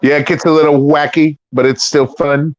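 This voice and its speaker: A man's voice: on the high side, little pitch movement, dry recording. A man chatting casually as a livestream guest, stammering and repeating words. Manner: stammering, quick to laugh. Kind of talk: casual chat. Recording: dry, dull lo-fi audio.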